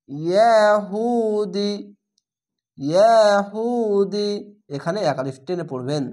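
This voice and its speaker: Male Quran reading teacher, Bangladeshi accent, patient spell-out lesson with drawn-out chanted words. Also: a little high. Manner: spells each letter and vowel, then chants the word slow and drawn out.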